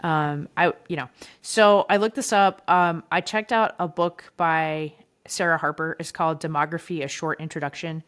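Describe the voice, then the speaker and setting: A chatty woman co-hosting a history podcast, her voice sitting a little low. She explains the past in a loose, easygoing way, full of fillers and quick laughs, talking into a headset mic. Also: steady tone, fairly bright tone. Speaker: podcast co-host. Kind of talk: casual history podcast chat. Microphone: headphones and remote recording setup.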